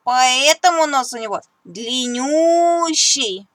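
A little boy mouse from a storybook, put on by a woman, squeaky and childish, fibbing and boasting. She pitches him very high and bright, bouncing all over the scale. Dry, close recording. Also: expressive, takes it slowly, no echo, exaggerated voice. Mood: giggly. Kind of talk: storybook reading.

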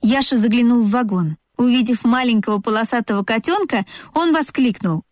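A woman reading a children's story aloud in an expressive, lilting way. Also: on the high side, fairly quick, no echo, studio quality. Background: soft music.

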